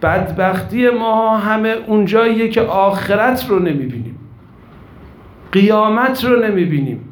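Brief: male preacher, high-pitched, passionate storytelling sermon, echoey hall sound. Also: expressive. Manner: impassioned storytelling, addresses women listeners directly. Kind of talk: religious sermon with mourning recital. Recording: echoey room with faint ambience.

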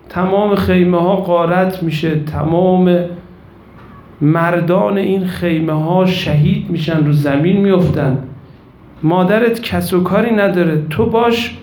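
A man's voice: sits high, a little mellow. A man preaching a religious sermon, telling a mourning story with passion and speaking directly to the women in his audience. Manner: impassioned storytelling, addresses women listeners directly. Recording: echoey room with faint ambience.

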